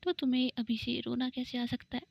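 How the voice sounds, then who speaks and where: Woman doing a brisk, flustered young woman. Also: on the high side, monotone, vocal fry, dry recording. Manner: brisk, scolding. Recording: dull lo-fi recording.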